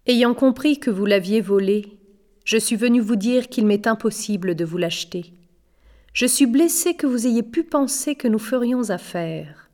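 A woman voicing a gentle, shrewd little old male dealer who speaks softly and with irony in an audiobook story. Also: fairly high pitch, expressive, unhurried. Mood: gently reproachful. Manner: soft-spoken, ironic. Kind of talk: audiobook reading.

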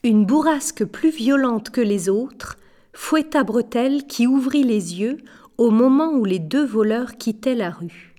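Slow, measured woman reading a story. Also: fairly high pitch, expressive, dark tone. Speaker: audiobook narrator. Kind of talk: scripted narration of a novel.

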